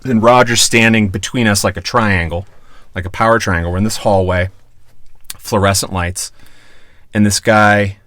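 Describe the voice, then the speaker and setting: A man's voice: lowish voice, normal speed, pauses often, no room sound. A man from Pennsylvania, a former radio DJ, telling a long anecdote as a podcast guest, casual and full of swearing. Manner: profane, animated anecdote-telling.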